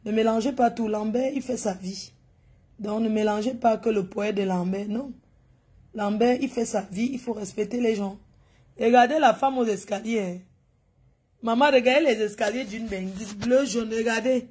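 A woman mocks someone in a video and talks straight at her in a scolding, teasing way. Her voice is fairly high and husky. She speaks as a gossip channel host giving running commentary. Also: moderate pace, a little mellow. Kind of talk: mocking commentary over a video.

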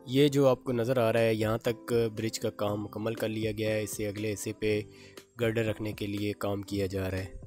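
A man's voice: fairly low pitch, little pitch movement, fairly quick, over music. Man narrating a construction site tour. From Pakistan. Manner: plain explanatory, pointing out locations. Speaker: construction update presenter.

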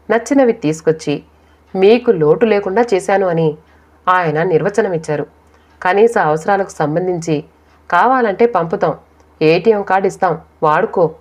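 A woman narrating a first-person story in a quiet, sorrowful storytelling manner. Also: on the low side. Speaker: audiobook narrator. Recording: dull lo-fi recording.

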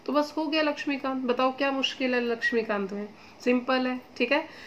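A woman's voice: high-pitched, fairly even intonation, brisk, fairly bright tone, slight background noise. Chatty woman teacher giving study advice. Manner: chatty, addresses students as beta and guys, mixes English phrases; repeats "theek hai" as a check-in. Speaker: exam coaching teacher. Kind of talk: casual study-guidance talk.

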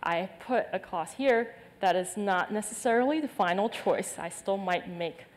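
A woman's voice: mid-range voice, lively intonation, normal speed. Woman giving a talk in a reverberant hall. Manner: hesitant, many fillers and restarts. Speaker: keynote speaker. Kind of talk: conference presentation. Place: large conference stage with audience.

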